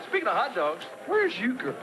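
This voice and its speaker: A cheerful male skier banters in a commercial. The voice is high and swoops around, with clear noise in the recording. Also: huge pitch swings, normal speed, full character voice. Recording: noisy commercial sound.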